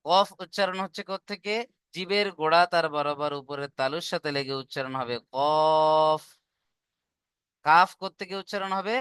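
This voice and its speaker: The man, a Quran recitation teacher, has a fairly high, bright, forceful voice that is clear and resonant. He teaches online patiently, going over points again and asking checking questions of his students. No room sound, studio quality.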